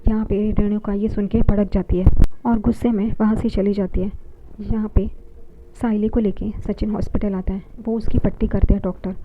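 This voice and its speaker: A woman's voice: medium pitch, little pitch movement, normal speed. A woman narrating a recap of a TV serial episode in a plain, casual storytelling way. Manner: plain storytelling, repeats "here" as a link word. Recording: tinny phone-like audio, faint hiss.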